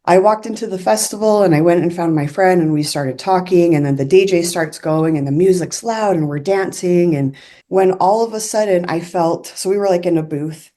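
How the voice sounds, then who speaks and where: Chatty woman with a low, mellow voice. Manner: chatty, many fillers like "like" and "I'm like"; earnest, confiding. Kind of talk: casual personal storytelling.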